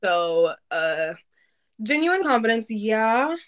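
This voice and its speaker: A young woman hosting a casual livestream, talking candidly and swearing freely in quick bursts. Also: a little high, sing-song. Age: young adult. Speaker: livestream host. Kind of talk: casual live-stream chat.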